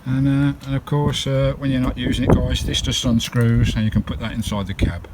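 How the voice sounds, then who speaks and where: A British man talks briskly to his vlog viewers in a mid-range voice with little pitch movement, often calling them "guys" as he works on and around a campervan outside. The handheld recording is windy, with loud noise behind him.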